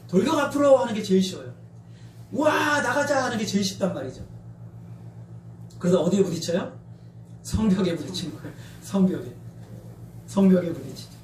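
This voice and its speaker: A middle-aged male pastor preaching a sermon in a church, talking in a lively way and acting out soldiers' shouts and taunts. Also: high voice, reverberant, far from the mic, a little hiss or hum. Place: church sanctuary.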